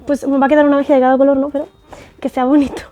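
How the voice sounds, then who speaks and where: A woman's voice: high-pitched, flat delivery, racing, dark tone. A young woman with a Spanish accent from Spain, chatting effusively to camera as she tries on makeup, with lots of fillers and tag questions. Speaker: makeup artist reviewing cosmetics. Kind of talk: casual beauty vlog, trying products on camera. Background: faint background music.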